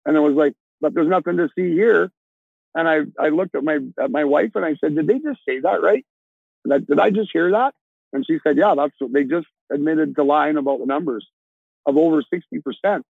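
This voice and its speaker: Plain-spoken trucker on a tinny call. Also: male voice, fairly high pitch, fairly quick, gravelly, slightly rough, no echo. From Alberta, Canada. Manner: plain-spoken, rambling with restarts. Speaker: trucker guest. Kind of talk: casual interview over video call. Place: inside a truck cab. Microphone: earbuds on a video call. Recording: dry, tinny video call audio.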